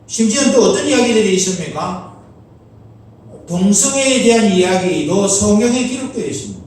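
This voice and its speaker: Pastor preaching in a very echoey hall. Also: male voice, high-pitched, sing-song, normal speed, a little mellow. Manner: earnest preaching with rhetorical questions. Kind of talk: Sunday sermon. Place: church sanctuary. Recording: very echoey church hall, mic at a distance.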